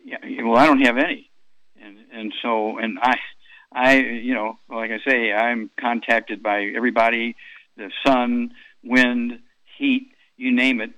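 Bright-voiced man in his eighties on radio. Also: mid-range voice, flat delivery, measured pace, dry recording, dull audio. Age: 80s. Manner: rambling, repeats product doses, many fillers. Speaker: radio health show host. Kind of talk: call-in radio advice.

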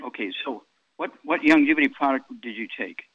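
A man's voice: medium pitch, fairly quick, no room sound, muffled recording. A man in his eighties hosting a call-in radio health show, rambling through product doses with many fillers and repeats. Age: 80s.

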